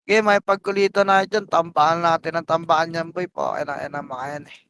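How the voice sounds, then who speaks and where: A man calling shots for his team in live game voice chat, barking rapid commands and countdowns and swearing. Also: fairly high pitch, fairly even intonation, a bit bright. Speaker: team shotcaller.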